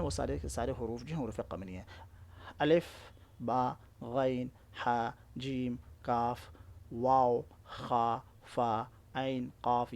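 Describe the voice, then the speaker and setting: A man teaching an exam-prep lesson, explaining slowly, spelling out letters one by one and often checking that his listeners follow. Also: medium pitch, creaky, a little mellow.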